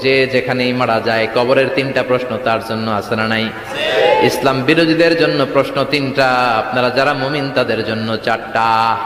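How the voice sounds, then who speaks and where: A man preaching an Islamic sermon with great passion, often jumping up in pitch and breaking into chanted lines. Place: large hall with crowd. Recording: echoey, reverberant hall sound.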